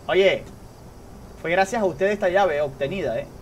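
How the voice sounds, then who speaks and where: A man with a high, lively voice streams a game live, talking straight to his chat. He repeats himself in quick bursts. Faint noise sits under his desk mic. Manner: excitable, repeats phrases, addresses chat directly. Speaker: gaming streamer. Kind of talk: live gameplay commentary.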